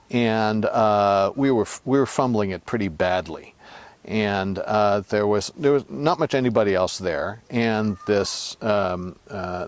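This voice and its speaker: A man telling a travel story in a casual way, with many pauses, fillers and restarts, growing animated at the high points. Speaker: storyteller recounting a trip.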